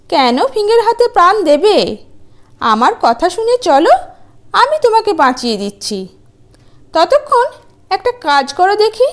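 A woman's voice: very high voice, pitched above the performer's own voice, heavily acted. A woman voicing a confident, teasing giant's wife in a children's story, coaxing and scolding.

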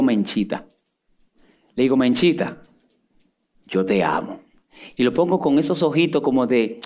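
A middle-aged male pastor preaching a sermon, moving between hushed, intimate passages and soaring, impassioned peaks. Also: medium pitch.

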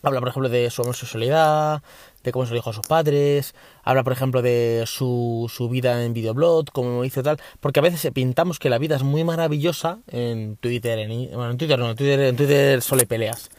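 Sitting in his parked car, a Spanish man hosts a casual podcast, his medium-pitched, slightly mellow voice brisk and fairly even in intonation. His chat rambles along with frequent restarts and a bit of mild swearing.

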